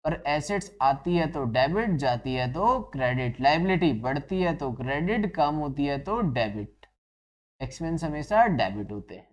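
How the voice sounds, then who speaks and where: A man's voice: fairly high pitch, animated, moderate pace. A man teaching accounting in a classroom-style lecture, asking his students questions and answering them himself, and slipping English terms into his talk. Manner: addresses students as children.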